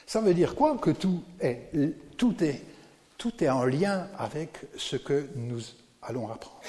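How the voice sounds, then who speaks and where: A man preaching a sermon to a congregation, animated and often putting questions to his listeners. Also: on the high side, big-room sound. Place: church.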